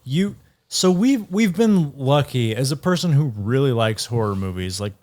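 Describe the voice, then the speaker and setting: A man's voice: medium pitch, animated, normal speed, darkish tone. A man on a podcast in casual chat, thoughtfully explaining his view at length. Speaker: podcast panelist.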